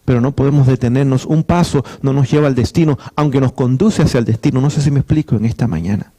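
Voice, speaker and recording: A middle-aged male pastor delivering a sermon in a warm, mellow voice at an ordinary pitch. He speaks earnestly, circling back to repeat phrases and restarting words as he goes. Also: quick pace.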